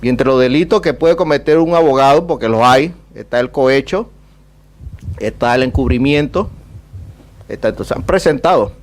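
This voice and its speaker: A man with a Panamanian Caribbean Spanish accent, medium pitch and moderate pace, speaks as an ambassador at a public talk with question and answer. He is discursive and rhetorical, using emphatic repetition.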